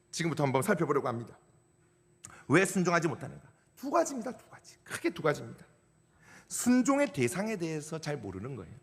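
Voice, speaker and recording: A male pastor, giving a youth sermon in an animated way and acting out what people say. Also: big-room sound. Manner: animated, acts out quotes with big pitch swings.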